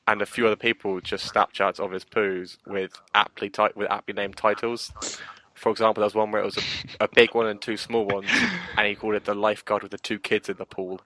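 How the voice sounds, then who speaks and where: A man's voice: fairly low pitch, little pitch movement, moderate pace, a bit bright, no echo, rough recording. A man co-hosting a casual podcast chat over an online call, laughing often as he tells stories. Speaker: podcast co-host.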